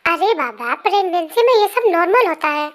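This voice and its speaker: A woman voicing a patient, gentle pregnant wife in a fan story narration, speaking soothingly. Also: very high voice, sing-song, moderate pace. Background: faint music.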